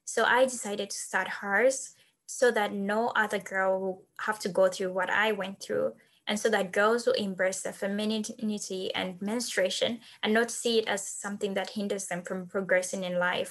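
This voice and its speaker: A woman's voice: mid-range voice, moderate pace. A woman in her twenties from Zambia, a podcast guest earnestly telling the story of founding her organization. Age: 20s. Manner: earnest, animated when recounting. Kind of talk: podcast interview, personal storytelling.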